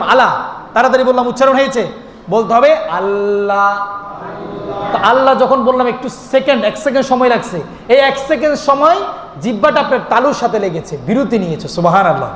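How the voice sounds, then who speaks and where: Male preacher with a very high voice, sermon in a long-reverb hall, asks and answers his own questions. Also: fairly bright tone. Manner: chanting drawn-out calls mid-sermon; asks the crowd questions and answers them himself. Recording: echoey hall recording with faint noise.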